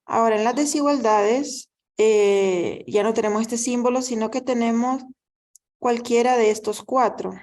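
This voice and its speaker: A woman's voice: on the high side, measured pace, a little mellow. A woman teaching a math class in a patient, step-by-step way, often checking in with the students. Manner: patient, explanatory, often asks "¿verdad?". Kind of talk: recorded class lecture.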